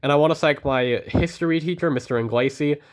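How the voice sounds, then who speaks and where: A man's voice: a little high, quick pace. A teenage boy vlogging alone in a casual monologue, earnest and rambling as he thanks people and apologizes. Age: teens. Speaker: student vlogger.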